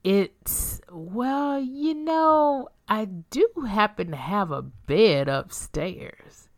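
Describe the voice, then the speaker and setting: A woman's voice: mid-range voice, expressive, very slow, voice pushed up. A woman voicing a young woman in a romance audiobook, hesitant and wry with her lover. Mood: breathless.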